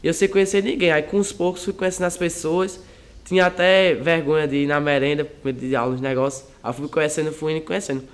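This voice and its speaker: Teenage high school student, hesitant. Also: male voice, steady tone, fast. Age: teens. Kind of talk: interview answers.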